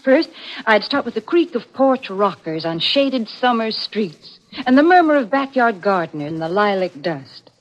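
A woman's voice: a little high, sing-song, normal speed. A woman performing a chipper, wholesome old-time radio advertisement in a polished manner, as the show's spokeswoman. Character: chipper folksy woman pitching summer refreshment. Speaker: commercial spokeswoman on a radio show. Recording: dull vintage radio recording.

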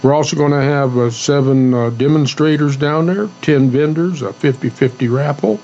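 A man with a gravelly, creaky voice speaks in a folksy cowboy manner, as if at ease sharing cowboy poetry and chat. His pitch sits in the middle. The recording is dull, with a faint hum behind him. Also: normal speed, dark tone. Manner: folksy, plain-spoken cowboy talk. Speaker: co-host of a casual talk show.

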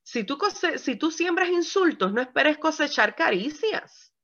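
A woman's voice: high voice, a little slow. A woman pastor preaching a sermon to women, asking her listeners questions as she goes. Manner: lively preaching, asks the audience questions. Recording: dull lo-fi recording.

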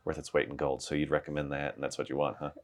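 A man with an exceptionally deep, low voice hosts a relaxed sit-down interview. He talks in a chatty, eager way, reacting quickly and steering the conversation with offhand remarks. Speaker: interviewer, host. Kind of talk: casual interview.

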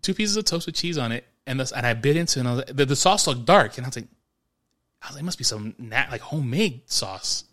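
Quick, lively man telling a story. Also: medium pitch. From New York. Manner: animated storyteller, acts out quotes. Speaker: podcast co-host. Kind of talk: casual storytelling chat.

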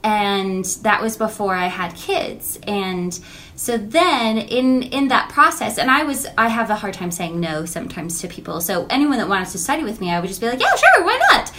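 A woman in her thirties, a music teacher, chatting casually and telling animated stories about her lessons. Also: normal speed, background noise. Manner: animated storytelling, acts out quotes in a high voice.

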